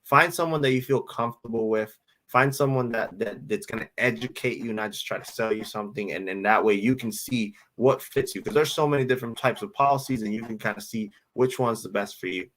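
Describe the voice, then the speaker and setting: A man in his thirties from the Dominican Republic, speaking as a guest financial advisor in a casual interview, in a relaxed way, often repeating words and asking "right?". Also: mid-range voice, brisk, poor audio. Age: 30s. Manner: relaxed, repeats words while thinking, asks rhetorical "right?".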